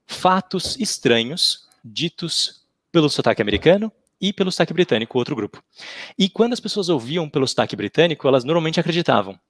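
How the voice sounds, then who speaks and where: A man's voice: mid-range voice, dry recording, clean studio sound. A man talking as a podcast guest over a video call, a chatty storyteller who tags his sentences with "né". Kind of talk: casual podcast chat.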